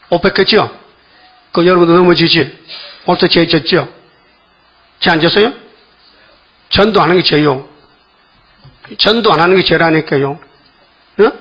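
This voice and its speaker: Older man preaching, husky and insistent. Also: fairly high pitch, muffled recording. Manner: keeps firing rhetorical questions at the congregation. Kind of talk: sermon.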